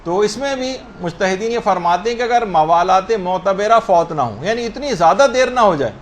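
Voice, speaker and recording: A man with a high voice gives a religious lesson on prayer rules. He explains each ruling patiently, slowing down to demonstrate correct pronunciations. Faint noise sits under the recording. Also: lively intonation. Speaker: religious teacher.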